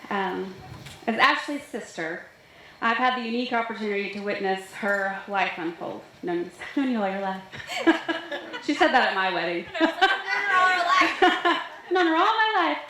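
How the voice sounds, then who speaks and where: Female, mid-pitched, informal wedding speech, chatty and joking, strong room echo, faint noise. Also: normal speed, bright, forceful tone. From Nashville, US. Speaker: bride's older sister giving a wedding toast. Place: large reverberant room at a wedding reception. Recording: very echoey hall, faint noise.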